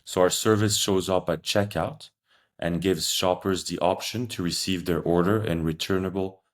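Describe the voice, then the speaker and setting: A young man from Switzerland, a startup founder, answering podcast interview questions in a measured, explanatory way. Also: low-pitched, steady tone. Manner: measured, explanatory, occasional fillers.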